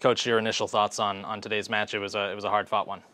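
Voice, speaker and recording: A young man hosting a post-game interview for a college sports network in a brisk broadcaster manner. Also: on the low side, little pitch movement, pushed and bright. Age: young adult. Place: indoor press backdrop. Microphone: clip-on lapel mic.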